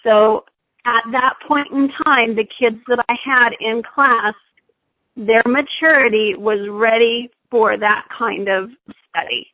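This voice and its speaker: A woman's voice: fairly high pitch, slow pace, no room sound. A woman teacher answering questions in a casual discussion, friendly and often hesitating with fillers. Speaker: teacher giving advice. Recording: dull dry lo-fi sound.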